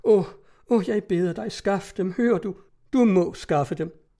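A man's voice: high voice, warm tone, voice pushed up, natural voice. A man voicing a frightened young woman who pleads in a trembling, hesitant voice. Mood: desperate pleading.

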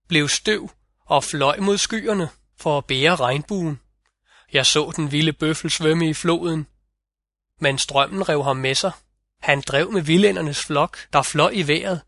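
A man's voice: fairly high pitch, fairly bright tone, no room sound, clean studio sound. A man voicing the wild, rugged male West Wind in a fairy-tale reading.

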